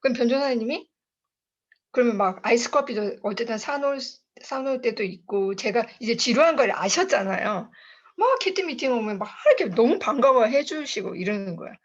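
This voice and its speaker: Chatty woman with a lively, sing-song voice. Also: a little high, a little fast, lo-fi sound. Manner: chatty, laughs often, addresses listeners as bosses. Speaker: guest speaker at a sales team meeting. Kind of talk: motivational talk with personal storytelling. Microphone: online video call.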